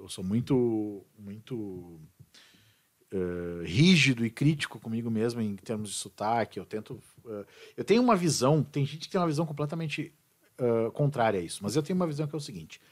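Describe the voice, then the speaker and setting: A man, an English teacher chatting casually and animatedly. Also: lowish voice. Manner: animated, repeats and restarts words. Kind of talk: casual podcast chat.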